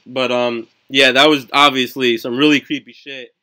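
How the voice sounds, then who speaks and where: A man's voice: medium pitch, level tone, moderate pace, bright, forceful tone. A teenage boy hosting a live stream podcast, telling a story in casual, profane chat, full of fillers and "right?" tags. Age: teens. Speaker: livestream podcast host. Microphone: home stream mic with glitchy audio.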